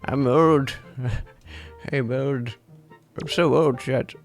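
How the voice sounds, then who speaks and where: Over gameplay, a thirty-something streamer chats and jokes casually with his audience, drawing out his words. His mid-range voice keeps a fairly even intonation, with faint music behind it.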